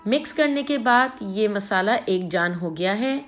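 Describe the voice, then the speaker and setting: A woman hosting a cooking channel, calmly narrating a recipe step by step. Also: medium pitch, a little slow, faint music behind. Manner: calm step-by-step instruction. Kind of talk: recipe voice-over.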